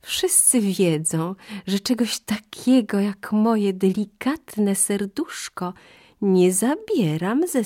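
A clever little monkey, as a woman storyteller puts her on, squeaking up high and swooping between notes, quick-witted and wary. The voice stays lively and a little husky. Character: clever, cautious female monkey.

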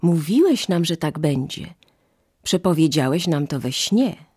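A woman voicing two young children, a boy and a girl, in a high, eager, exclaiming voice. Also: animated, measured pace, darkish tone, slightly rough, full character voice. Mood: excited.

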